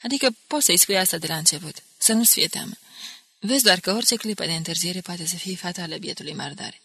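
A woman's voice: on the low side, creaky, pushed and bright, breathy edge, exaggerated voice. A woman voicing a resolute young male soldier who takes command and gives firm orders.

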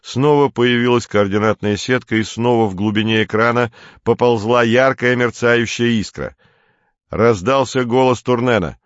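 A man reading a story aloud in an even, measured way. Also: mid-range voice, dry recording, muffled recording. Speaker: narrator. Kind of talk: audiobook narration.

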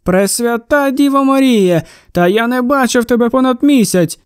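Brief: storybook shopkeeper, chubby, jolly and teasing; male reader putting him on, smooth tone, dry close sound. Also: very high voice, normal speed, no echo. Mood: cheerful. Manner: hearty exclamations, theatrical teasing.

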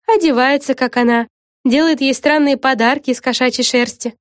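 A woman's voice: sits high, normal speed, dry recording, clean studio sound, voice pushed up, lightly acted. A woman voicing a wry, chatty young witch who explains things in a knowing tone. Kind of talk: audiobook character voice.

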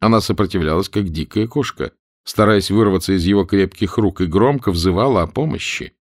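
A man reading an adventure novel aloud in measured, dramatic narration. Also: low-pitched, no room sound, studio quality. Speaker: audiobook narrator. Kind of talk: scripted audiobook narration.

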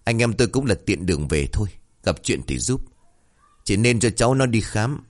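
A man's voice: fairly low pitch, sing-song, moderate pace. A man voicing a blunt, irritable rural policeman in a read-aloud story, speaking in a brusque, scolding way. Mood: softened.

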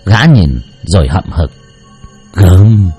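A man's voice: on the low side, huge pitch swings, moderate pace, dark tone, husky, soft background music. A man telling a story in dramatic, colloquial scripted narration.

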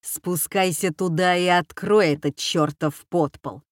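Lady reading as a mean old gang boss lady, yelling orders, dry close sound. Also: on the low side, measured pace, dry recording, close to an everyday voice. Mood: furious. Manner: barking orders, shouting. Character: harsh old woman gang leader, bossy and cruel. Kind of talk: audiobook character voice.

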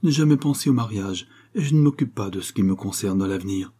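A man's voice: lowish voice, animated, quick pace, warm tone, slightly rough. A man voicing an anxious, devoted eight-year-old girl in a storybook reading, talking earnestly and pleadingly. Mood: anguished.

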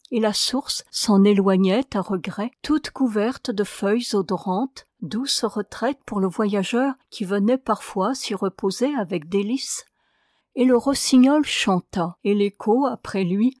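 A woman reading a translated prose poem aloud as an audiobook, in a measured, solemn way. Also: medium pitch, a little mellow, no echo, studio quality. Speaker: audiobook reader. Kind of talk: scripted narration of a prose poem.

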